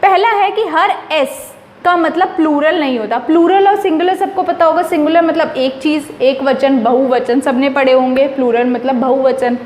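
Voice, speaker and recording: A woman's voice: high voice, moderate pace, darkish tone, reverberant, slight background noise. A woman teaching English grammar in a chatty, emphatic way, slipping English phrases into her explanations. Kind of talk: casual explanatory lesson.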